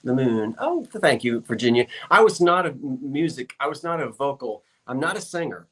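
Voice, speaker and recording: A man with a mid-range, slightly bright voice hosts a live-stream glass sale at normal speed, sounding expressive. He chats casually and rambles, reading out viewer comments, with lots of fillers and self-corrections.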